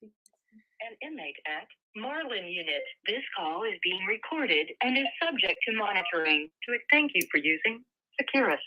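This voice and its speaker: Woman's recorded payphone announcement, tinny. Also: medium pitch. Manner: slow, flat, announcing. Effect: recorded payphone operator message. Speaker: automated call announcement. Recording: tinny payphone line from far off.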